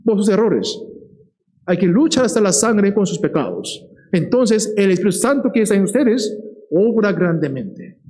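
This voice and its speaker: A man preaching a sermon with a fairly high, mellow voice. He keeps checking in with his listeners with short questions and slows down to lean on key words. His delivery is lively and direct. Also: rough recording. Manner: lively, checks in with the listeners, often asking "¿verdad?".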